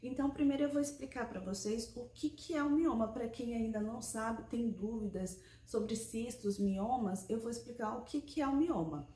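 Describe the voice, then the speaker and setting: A woman's voice: on the high side, moderate pace, hardly any pauses, warm tone, slight background noise. A woman in her forties explaining a health topic in a conversational personal vlog, often checking in with the viewer. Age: 40s. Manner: conversational, explanatory, with frequent tag questions. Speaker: vlogger. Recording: echoey room.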